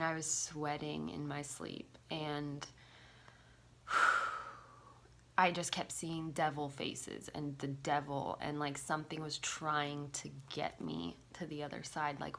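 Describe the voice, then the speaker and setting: Woman vlogger with a low-leaning voice, confessional storytelling, loose and filler-heavy. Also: creaky, sharp tone. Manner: casual, confessional, lots of "like" fillers; swears casually. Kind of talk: personal storytelling to camera.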